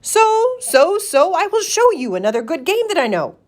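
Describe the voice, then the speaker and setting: A mischievous, breezy cat showman from a children's storybook, put on by a woman. He speaks high with big swoops in pitch. His manner is playful, showy and coaxing. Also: big pitch swings, normal speed, darkish tone. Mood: breezy, defiant. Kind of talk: children's storybook read-aloud.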